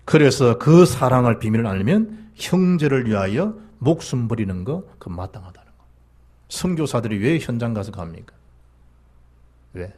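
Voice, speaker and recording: Male pastor, Gyeongsang accent, husky, lively sermon delivery with a wide pitch range. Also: normal speed. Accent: Gyeongsang Korean. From South Gyeongsang, South Korea. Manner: animated preaching, rising to emphatic peaks and dropping low.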